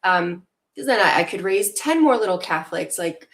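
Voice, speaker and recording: Young woman guest, from Venezuela, lowish voice, earnest, reflective, fillers. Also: lively intonation, moderate pace, a bit bright. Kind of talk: casual interview talk.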